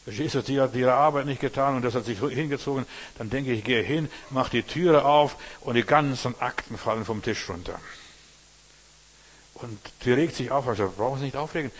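A man's voice: mid-range voice, a little fast, in a large hall. A man giving an informal, rambling sermon, reading Bible passages and often asking his listeners whether they follow. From not from Berlin. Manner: rambling, keeps asking "verstehst du?". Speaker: preacher.

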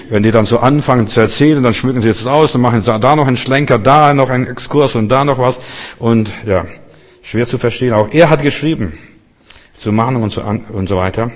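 A man preaching a sermon in a chatty, rambling way, often repeating words as he restarts. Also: mid-range voice. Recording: long hall reverb.

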